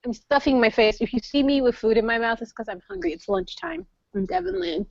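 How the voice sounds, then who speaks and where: A woman's voice: sits high, animated, brisk, gravelly, no echo. A woman who produces a podcast, chatting bluntly and playfully and swearing casually. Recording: dry, dull lo-fi audio.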